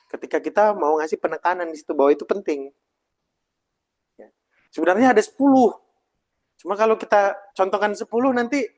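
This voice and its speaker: A man leading a live presentation-skills workshop, lively and emphatic, often checking in with the audience. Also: sits high. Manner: lively, emphatic, keeps asking the audience for replies. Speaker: presentation trainer. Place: meeting room with a live audience and a video call.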